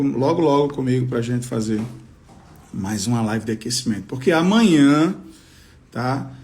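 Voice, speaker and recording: A man's voice: medium pitch, a little mellow. A Brazilian man hosting a casual live stream in a slangy, rallying gym-bro style. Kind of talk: casual hype live chat.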